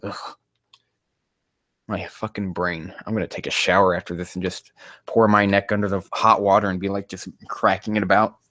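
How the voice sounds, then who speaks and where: A deep-voiced man with a flat, pushed and bright delivery reads at normal speed in a clean studio recording without echo. He hosts a critique of amateur fan fiction, mocking it casually while rambling, swearing in exasperation and stumbling over the text.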